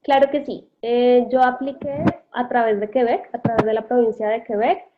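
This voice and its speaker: A woman from Bogotá, Colombia, an immigrant interview guest, gives casual answers over a tinny, phone-like call line with background noise. Her voice is a little high, her tone level and her speed normal. She sounds thoughtful, hesitating and correcting herself.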